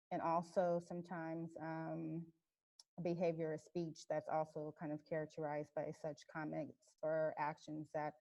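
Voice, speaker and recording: Brief: woman host, mellow flat delivery, measured, video call. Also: deep voice. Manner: measured, reading a definition with many fillers. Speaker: session facilitator. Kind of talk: facilitating a discussion.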